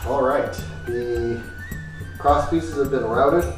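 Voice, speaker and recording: A man in his thirties casually explaining his woodworking build in a home garage workshop, halting with many ums and uhs. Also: medium pitch. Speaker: woodworking vlogger. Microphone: far camera. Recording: echoey garage, voice from far off, music behind.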